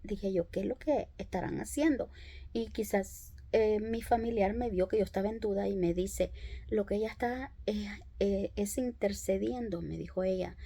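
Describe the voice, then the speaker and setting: A woman telling her conversion story as a church testimony, in an unhurried, reflective way with frequent hesitations. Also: mid-range voice, fairly even intonation, creaky, dark tone, husky. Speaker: preacher giving testimony. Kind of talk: personal testimony in a church talk.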